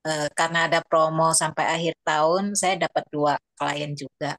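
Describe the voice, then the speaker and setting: A woman gives a casual, matter-of-fact update to her prayer group. Her voice is unusually low for a woman, and the recording is dry with no room sound. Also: steady tone, moderate pace, fairly bright tone, no room sound. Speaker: fellowship member sharing business news. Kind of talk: casual testimony.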